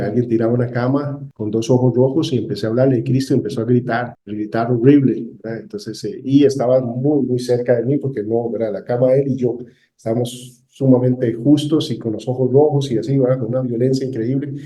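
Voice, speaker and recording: Man teaching a Bible class, dark voice. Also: medium pitch, steady tone, fairly quick, reverberant, low-quality recording. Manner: storytelling, leans on a constant "¿verdad?".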